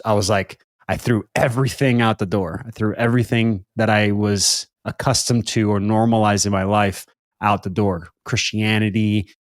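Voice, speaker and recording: Here a man in his thirties, Brazilian by family background, hosts a podcast in a casual conversational interview. His voice sits on the low side, and he rambles with repeated words and fillers. There's no room sound, and the audio is studio quality.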